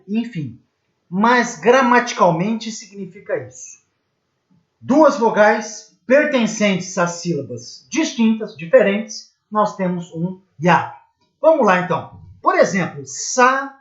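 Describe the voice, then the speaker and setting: A man with a Brazilian Portuguese accent teaching a recorded grammar lesson, patiently repeating and spelling out examples and checking in with his students. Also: high voice. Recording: echoey room, dull lo-fi sound.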